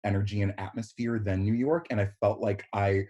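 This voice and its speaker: A man's voice: fairly low pitch, steady tone, brisk, dark tone, muffled recording. A man in his thirties from Canada, hosting a podcast in a chatty, effusive way full of fillers. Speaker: podcast host. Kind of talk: casual interview chat.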